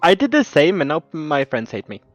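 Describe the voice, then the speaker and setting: A man's voice: fairly high pitch, big pitch swings, fairly quick, no room sound, faint music behind. A man player chatting cheerfully before a tabletop game, joking about his plans.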